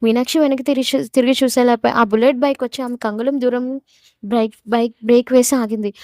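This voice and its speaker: A woman storyteller reading a dramatic romance story in an expressive, steady way. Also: on the high side, fast talker, no echo.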